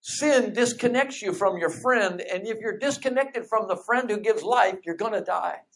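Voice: medium pitch, normal speed. Preacher building rhythmic refrains. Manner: repetitive rhetorical questions, builds refrains; conversational asides. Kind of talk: sermon.

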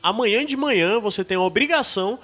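A man's voice: sits high, animated, fast talker, a bit bright. A man with a blocked, nasal voice hosting a casual podcast chat, joking and laughing between remarks. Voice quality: nasal, congested. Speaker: podcast host. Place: small studio.

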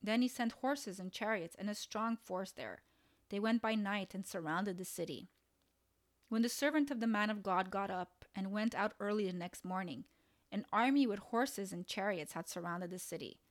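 Earnest woman giving a devotional sermon. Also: mid-range voice. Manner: measured, earnest storytelling. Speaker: preacher. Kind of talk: devotional sermon retelling Bible stories.

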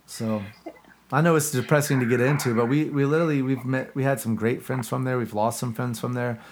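Male podcast host, rapid and rambling, casual delivery over a video call. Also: mid-range voice, steady tone, a little hiss or hum. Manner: rambling, loose and chatty. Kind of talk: casual chat.

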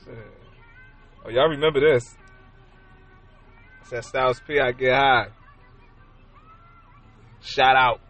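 A man hosting a casual late-night chat, easygoing and full of slang and shout-outs. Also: medium pitch, steady tone, slow, long pauses. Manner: laid-back, agreeable, lots of slang and shout-outs. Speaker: podcast host. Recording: faint music in background.

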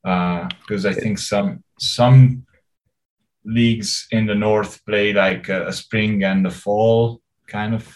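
A man in his forties from Hungary, speaking in a fairly low voice during a relaxed interview. He rambles with fillers and restarts and chuckles often. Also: slow pace, rough recording. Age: 40s. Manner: rambling, hesitant, laughs often. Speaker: interview guest. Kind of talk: casual conversational interview.

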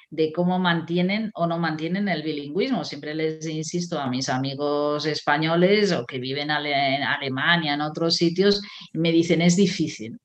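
A woman, a writer and critic, talking in a reflective way with many fillers and restarts. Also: sits low. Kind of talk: conversational interview.

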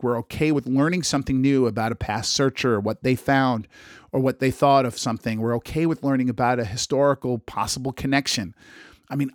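Guy hosting a podcast solo, voice sounds strained like it's an effort, casual and halting, close dry sound. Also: mid-range voice, no room sound. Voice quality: strained, struggling voice. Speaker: podcast host and radio DJ.

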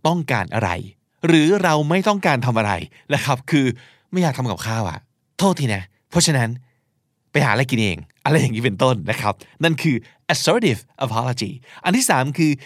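A man's voice: medium pitch, animated, moderate pace, no room sound, clean studio sound. A man hosting a podcast, teaching and explaining vocabulary, spelling out words and acting out short examples. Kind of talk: explanatory language lesson talk.

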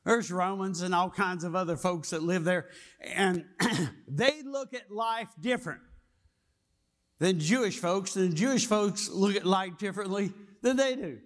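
High-voiced, unhurried man preaching. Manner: folksy storytelling, asks the congregation questions. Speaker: pastor. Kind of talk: sermon.

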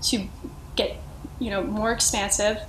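A woman's voice: mid-range voice, level tone, a little slow. Earnest woman in an echoey room. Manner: earnest, searching, rambling with many restarts. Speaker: podcast guest. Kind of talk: reflective conversational sharing. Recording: echoey room with faint noise.

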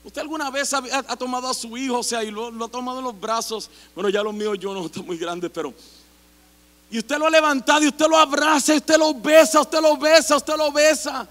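A middle-aged man preaching a sermon as pastor, impassioned and rising to shouts. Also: very high-pitched, fairly quick. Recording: long hall reverb.

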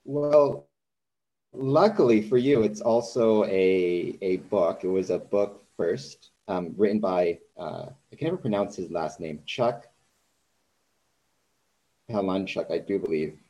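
Male podcast host, low mellow voice, hesitant and halting. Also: low-quality recording. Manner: hesitant, many ums and restarts. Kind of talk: conversational interview.

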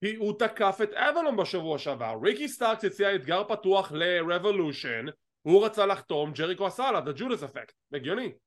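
A man with a high, light voice, co-hosting a wrestling chat show. He talks in an animated, teasing way and drops English phrases in along the way. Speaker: wrestling podcast co-host. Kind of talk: casual chat.

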